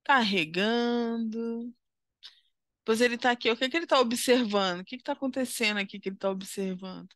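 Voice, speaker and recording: A woman's voice: on the high side, fairly quick, a bit bright, no echo, studio quality. A woman with a Brazilian Portuguese accent, teaching a primary school lesson as she walks through a worksheet. She talks patiently and encouragingly, often checking in with the listener.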